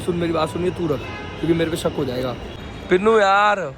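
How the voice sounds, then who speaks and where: A man films a casual vlog outdoors on a handheld camera, with a slightly high voice. He teases and jokes with the person beside him in easy banter. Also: lively intonation, brisk, music in the background. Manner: teasing, joking banter. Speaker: vlogger.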